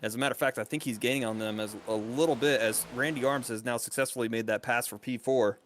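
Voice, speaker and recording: Energetic male play-by-play race caller. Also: mid-range voice, fast talker, a little hiss or hum. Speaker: play-by-play commentator. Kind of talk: live sim racing commentary.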